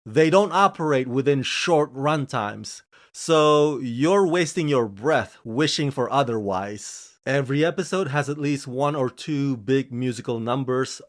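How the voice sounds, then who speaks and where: A man from Indonesia hosting his own channel, delivering a scripted series review with gushing, emphatic enthusiasm. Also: unhurried. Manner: gushing, emphatic delivery with frequent swings in pitch and pace. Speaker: film reviewer and channel host.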